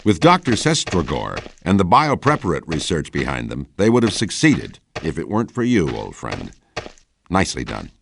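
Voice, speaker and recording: An actor playing a weary, loyal older commander in a video game cutscene, subdued and paternal. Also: male voice, deep voice, wildly swooping pitch, moderate pace, gravelly, fairly bright tone, exaggerated voice. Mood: grateful, calm. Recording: faint noise behind the voice.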